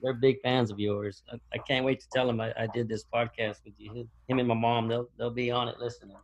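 A man's voice: mid-range voice, little pitch movement, a little fast. A man guesting on a podcast, talking casually and often repeating words as he tells a personal story. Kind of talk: casual conversation.

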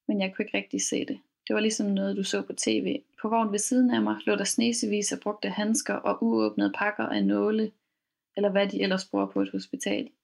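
A woman podcast host retelling a first-person account in a calm, measured way. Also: mid-range voice, vocal fry. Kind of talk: storytelling podcast reading.

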